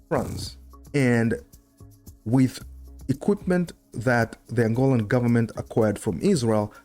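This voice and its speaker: Seated at a desk indoors with a desktop microphone near his mouth, a middle-aged man gives casual historical commentary as host, explaining things conversationally. He speaks with a warm tone at medium pitch.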